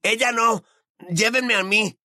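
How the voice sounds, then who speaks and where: A man voicing a panicked teenage boy in an audiobook, desperate and yelling. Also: high voice, takes it slowly, no echo, studio quality, voice pushed up, exaggerated voice.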